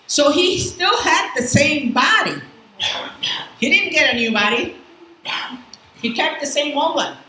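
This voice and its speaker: Lady teaching bible study, lively and chatty, lotta room echo. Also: sits high, measured pace, long pauses. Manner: lively, asks the class questions. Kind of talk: teaching a Bible class, casual. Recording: echoey room, faint background noise.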